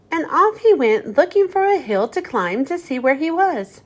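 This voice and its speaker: Woman storyteller for kids; high, animated voice, unhurried read-aloud. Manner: slow, gentle storytelling, lively rise and fall. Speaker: children's book reader. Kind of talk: reading a picture book aloud.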